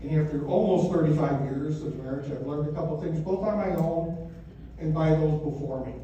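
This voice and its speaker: A man's voice: a little high, normal speed, mellow, dull audio. An American man in his fifties or sixties giving a joking, conversational father of the bride speech at a wedding reception, landing his punchlines with emphasis. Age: 50s or 60s. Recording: echoey room from far off, noisy.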